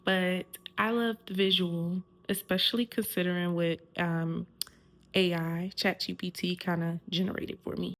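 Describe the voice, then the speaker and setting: A woman's voice: on the low side, little pitch movement, a little slow. A young woman chatting casually to viewers in a vlog, filmed on a phone. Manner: chatty, addresses viewers as y'all. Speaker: vlogger.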